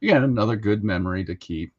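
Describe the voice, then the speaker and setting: A man co-hosting a casual hobby podcast, talking in a relaxed, rambling way with lots of fillers. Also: lowish voice, fast, dull audio, a little hiss or hum. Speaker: co-host.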